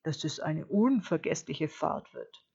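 A woman voicing a sly, hungry male wolf who talks slowly in a deep, lisping, overly polite voice for a storybook reading. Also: expressive, creaky, dark tone, husky, lo-fi sound, full character voice. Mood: suave. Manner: slow, suave, mock-courteous.

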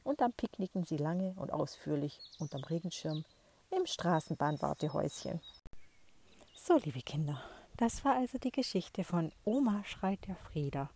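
A woman reading a children's story aloud, in a gentle, lively storybook manner. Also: low-pitched, moderate pace, a little hiss or hum.

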